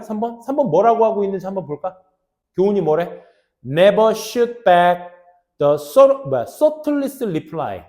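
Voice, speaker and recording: Lively high-voiced man teaching a class. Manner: casual, drops to low mutters, acts out student lines. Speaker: English teacher. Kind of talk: classroom lecture.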